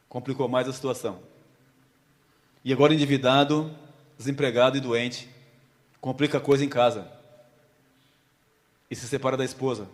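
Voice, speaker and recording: Preacher man in a reverberant hall. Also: mid-range voice. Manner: storytelling, asks the congregation questions. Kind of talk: sermon with a volunteer illustration.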